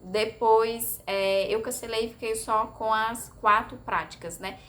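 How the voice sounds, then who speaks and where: Talking casually to her viewers, a Brazilian woman shares what studying languages has been like for her. Her voice is on the high side and a bit bright, with a steady tone and measured pace. She's chatty but hesitant, tacking on little questions and filler noises.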